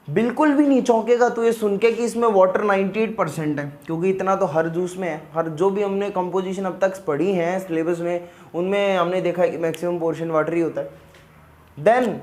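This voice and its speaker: Male teacher, unhurried and matey, casual lecture that keeps checking in with the student. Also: high-pitched. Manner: familiar, addresses the student as a buddy, checks in with "yes or no".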